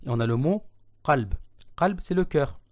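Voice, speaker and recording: A man giving an online language lesson, patiently repeating words slowly to contrast their sounds. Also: mid-range voice, expressive, darkish tone. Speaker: Arabic teacher. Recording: slightly dull lo-fi audio.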